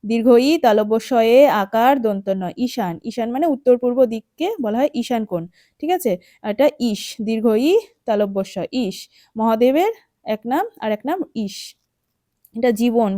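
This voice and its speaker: Female primary teacher, West Bengal Bengali accent, gentle coaxing lesson voice, soft mellow tone. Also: on the high side, no room sound, clean studio sound. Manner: patient, coaxing, checks in with "ঠিক আছে?". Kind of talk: children's textbook lesson, spelling words aloud.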